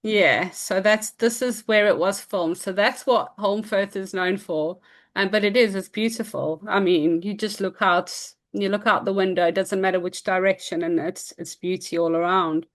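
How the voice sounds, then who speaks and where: A woman's voice: medium pitch, steady tone, moderate pace. A woman with a South African accent, talking as a host in casual conversation. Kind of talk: casual chat.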